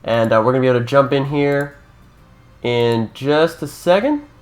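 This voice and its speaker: A man's voice: mid-range voice, moderate pace, smooth. A young Canadian man who is a YouTuber, chatting casually through a let's-play, joking and reading game prompts aloud.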